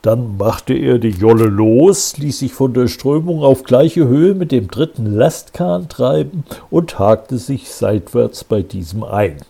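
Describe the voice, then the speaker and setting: Slow, gravelly male storyteller. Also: mid-range voice. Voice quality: gravelly, husky. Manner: calm, measured storytelling. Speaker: narrator. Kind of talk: audiobook reading of a crime novel.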